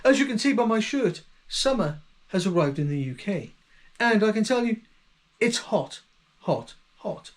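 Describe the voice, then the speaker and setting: A man's voice: sits high, sing-song, unhurried. A man hosting a solo video monologue, musing and speculating as he goes and often correcting himself mid-sentence. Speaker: channel host.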